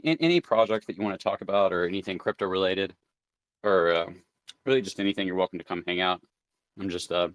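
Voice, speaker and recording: A man's voice: sits low, dry recording. A man hosting a live crypto audio chat, rambling casually with many fillers as he thinks aloud. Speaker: crypto show host.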